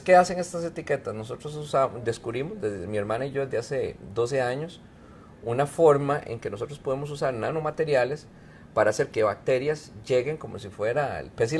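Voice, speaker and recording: This middle-aged man, a Mexican-born professor and researcher who grew up in Costa Rica, speaks at medium pitch and a little fast while answering interview questions. He explains things in a relaxed way, leaning on frequent fillers. There's slight background noise and faint music in the recording.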